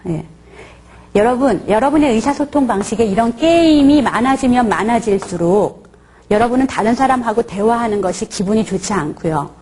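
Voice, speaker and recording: A woman professor delivers a counseling course lecture, posing rhetorical questions to her audience and acting out short workplace dialogues. Her voice is mid-range with a darkish tone and a breathy edge.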